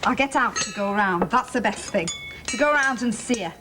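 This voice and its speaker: A woman's voice: medium pitch, lively intonation, normal speed, lightly acted. An actress playing a chatty young woman, heard from a worn VHS tape copy with hiss and clicks.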